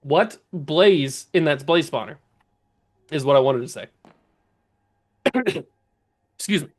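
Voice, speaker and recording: A man giving casual commentary while playing a game, thinking aloud, talking to enemies, his voice a little rough and strained. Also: a little high, expressive, takes it slowly. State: voice going, clearing throat. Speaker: let's play gamer.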